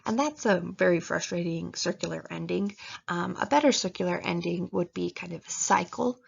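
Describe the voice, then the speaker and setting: A woman's voice: lowish voice, moderate pace, vocal fry, slightly rough. A woman giving casual writing advice in a chatty way, with lots of fillers, and acting out how readers react. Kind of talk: casual instructional talk. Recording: dull lo-fi recording.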